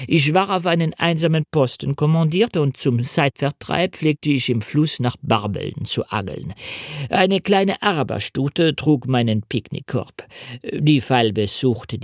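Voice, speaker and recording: A man reading the part of an elderly French officer who tells a story slowly and deliberately. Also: medium pitch, gravelly, no room sound, clean studio sound, heavily acted.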